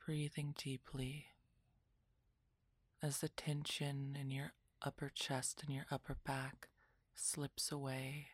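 Slow, low, soft half-whispering woman guiding meditation. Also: monotone, no echo. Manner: soft, breathy, soothing delivery that often drops into a whisper. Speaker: guided meditation narrator. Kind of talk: guided relaxation meditation, scripted narration.

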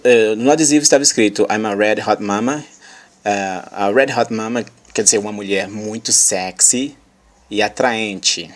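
An English teacher with a fairly low-pitched voice runs a podcast lesson built around a dialogue. He reads each English line with slow care and explains it patiently, pausing often and using lots of fillers.

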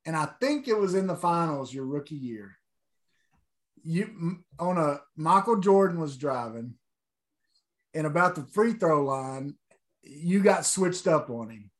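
A man's voice: fairly high pitch, expressive, a little slow. A man hosting a casual sports interview, talking like an enthusiastic fan. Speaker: interview host.

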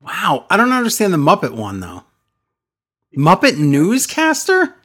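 A man's voice: wildly swooping pitch, fairly quick, sharp tone, slightly rough. Playful man hosting a podcast. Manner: playful, salesy pitching with mock enthusiasm. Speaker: podcast host. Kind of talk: casual podcast chat.

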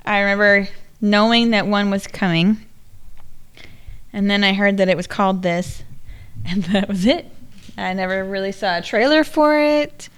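Clear-voiced, casual woman podcaster. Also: mid-range voice, normal speed, fairly bright tone. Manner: giggly, self-deprecating. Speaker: horror podcast co-host. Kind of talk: casual comedic podcast chat.

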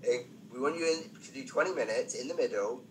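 Speaking quickly, a stand-up comic on a podcast spins self-mocking anecdotes in conversation and tosses in dry asides. His pitch is typical for a man. The recording is poor and carries some background noise.

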